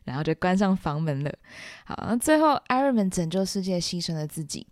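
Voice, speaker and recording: Lady teacher w/ breaking down lyrics, playful n lively, super dry close sound. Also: fairly low pitch, fairly quick, dry recording. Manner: lively, playful, laughs often. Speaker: English teacher. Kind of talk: explaining song lyrics.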